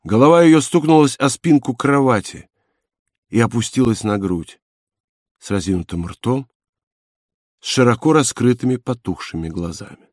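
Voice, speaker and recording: A man narrating a classic novel in a measured, grave storytelling manner. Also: medium pitch, lively intonation, no echo, studio quality. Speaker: audiobook narrator. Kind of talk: dramatic literary narration.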